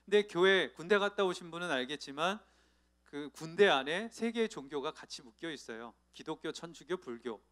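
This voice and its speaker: A male pastor preaching to a youth congregation in church, telling stories with lively acted-out voices and asking his listeners questions. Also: on the high side, normal speed. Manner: lively storytelling, acting out the people in his anecdotes; asks the audience questions directly. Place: church sanctuary.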